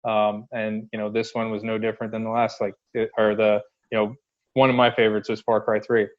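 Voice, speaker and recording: A man co-hosting casual gaming commentary, giving blunt, slangy opinions in halting, loosely built sentences. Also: fairly low pitch, monotone, lo-fi sound. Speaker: co-host.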